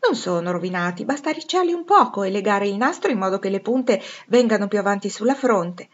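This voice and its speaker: A woman's voice: mid-range voice, lively intonation, brisk, lo-fi sound, lightly acted. A woman voicing a confident young girl who reassures matter-of-factly. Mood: reassuring.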